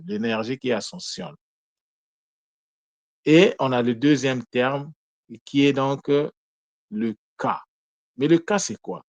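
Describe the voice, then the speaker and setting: A man of middle pitch teaches in a deliberate, explaining way, putting questions to his listeners and then answering them. He stops to correct himself now and then. The sound is dry and close. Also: no echo. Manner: corrects himself mid-sentence. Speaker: teacher of Kikongo word meanings. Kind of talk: explanatory lesson talk.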